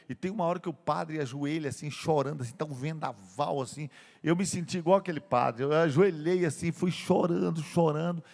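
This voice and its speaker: An older man from Brazil, a pastor telling a personal story in a sermon, often slowing down and dropping to a soft voice. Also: a little high, vocal fry. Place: church sanctuary. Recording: long church hall reverb.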